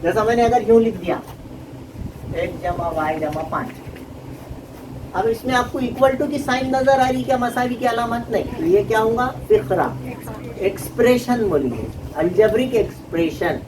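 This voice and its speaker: A man's voice: very high voice, moderate pace, far from the mic. Male math teacher, patient and questioning, off-mic, traffic noise behind. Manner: explains patiently, often asking the class questions. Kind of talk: classroom lesson.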